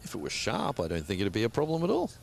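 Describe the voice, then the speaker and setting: Male cricket commentator, lower voice, lively swings in pitch, joking banter, faint outdoor noise. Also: fast talker, gravelly. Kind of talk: casual live sports commentary.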